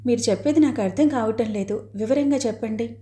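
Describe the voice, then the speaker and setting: A woman's voice: a little high, brisk, mellow, lightly acted. A woman voicing an anxious young married woman in an audiobook, asking question after question.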